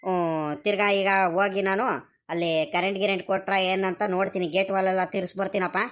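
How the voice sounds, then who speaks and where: Woman voicing a gentle young village guy, soft and pleading, rural karnataka kannada accent, mid pitch. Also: flat delivery, fairly quick, close to an everyday voice. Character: poor young male farm boy and student, gentle and dutiful. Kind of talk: animated cartoon voice acting.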